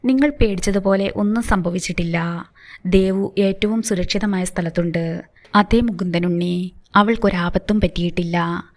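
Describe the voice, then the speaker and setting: A woman voicing a calm, authoritative middle-aged man who speaks gently and reassuringly, in an audiobook. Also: on the low side, normal speed, close to an everyday voice.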